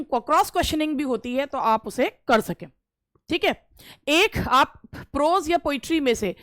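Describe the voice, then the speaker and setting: A woman's voice: sits high, a bit bright, no room sound. Middle-aged woman teacher, chatty and repetitive, recorded dry. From India. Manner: conversational, repeats phrases, frequent hesitations. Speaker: English teacher giving interview tips. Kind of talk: casual instructional talk.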